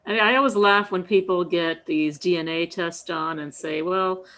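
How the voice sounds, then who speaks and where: A woman's voice: fairly low pitch, normal speed, a bit bright. A woman in a group discussion, talking in a wry, questioning way.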